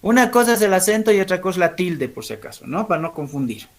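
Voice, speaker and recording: High-voiced Bolivian teacher checking students' understanding. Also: male voice, sing-song. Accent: Bolivian Spanish. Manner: keeps checking understanding with quick tag questions; asks students questions and calls on them. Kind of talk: classroom lesson.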